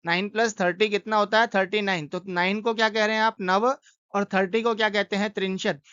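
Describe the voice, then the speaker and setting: A man's voice: sits high, level tone, bright, forceful tone, clear, resonant tone, dry recording, muffled recording. A man teaching Sanskrit numbers, asking questions and answering them himself, repeating each word for pupils to follow. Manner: slow, deliberate recitation. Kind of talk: classroom lesson, drilling numbers.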